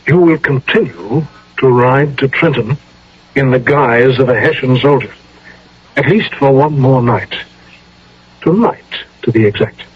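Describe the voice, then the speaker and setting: Husky, stern General Washington. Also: male voice, mid-range voice, unhurried, long pauses. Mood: stern, commanding. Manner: formal, authoritative, clipped commands. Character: stern, commanding American general George Washington. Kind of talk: radio drama acting. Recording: dull old radio broadcast recording.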